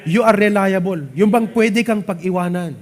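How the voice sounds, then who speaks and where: High-voiced Filipino pastor preaching animatedly. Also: male voice, moderate pace. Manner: animated, asks the crowd "di ba?" often; mixes English and local speech, light laughs. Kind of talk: sermon. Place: church service.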